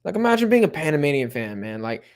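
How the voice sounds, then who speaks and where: Young male streamer, relaxed chatty host who perks up at big plays. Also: a little high, quick pace. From Mexico-supporting fan. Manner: laid-back, chatty, bursts of excitement at plays. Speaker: watch-along host. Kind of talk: casual live commentary and chat reading.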